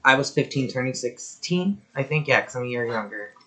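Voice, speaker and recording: A man's voice: mid-range voice, lively intonation, fairly quick, pushed and bright. A young man co-hosting a podcast, chatting casually and telling a story with lots of fillers. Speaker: podcast co-host. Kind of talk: casual chat.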